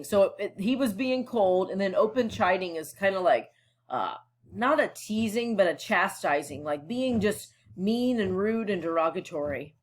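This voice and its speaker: A woman teacher reading a novel aloud and explaining it to students in a casual, conversational way, often checking in with them. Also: medium pitch. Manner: casual and explanatory, with frequent fillers and check-ins.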